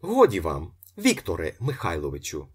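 A man voicing an anxious middle-aged woman who pleads urgently, in a husky voice pitched somewhat up. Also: very animated, moderate pace, exaggerated voice. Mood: pleading.

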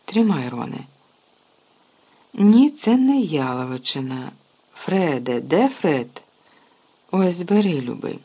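A reader voicing a fussing, motherly middle-aged witch who calls out high and loud in a husky voice. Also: very animated, takes it slowly, long pauses, heavily acted.

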